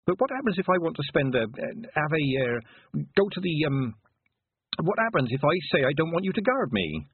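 A man voicing a sharp-witted young farm girl, speaking in a higher, flustered voice. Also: big pitch swings, fairly quick, slightly rough, no echo. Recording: tinny phone-like sound.

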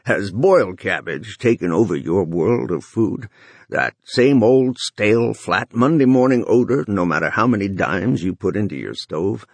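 A gravelly, booming older boss pitching a product like a TV ad, as a man puts him on. He talks slowly, with a lively, swooping pitch in a dry room. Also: no room sound. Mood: salesy.

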